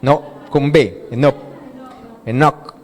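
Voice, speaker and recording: A Colombian pastor with a high, animated voice preaches at a moderate pace in a church hall. His sermon is interactive: he asks the congregation questions and has them call out and repeat the answers.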